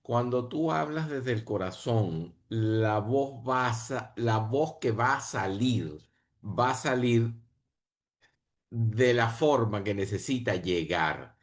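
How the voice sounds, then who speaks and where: A man's voice: medium pitch, slow pace. A man answering a panel question in an earnest way, often repeating and restarting his phrases, over a video call. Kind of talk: reflective answer in an online panel.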